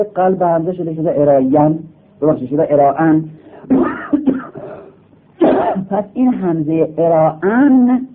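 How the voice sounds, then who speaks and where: A man with a somewhat high voice gives a grammar lesson. He talks slowly and patiently and goes over each step more than once. The sound is thin and tinny, like a phone line. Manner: slow, patient, repeating each step of the rule. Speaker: teacher.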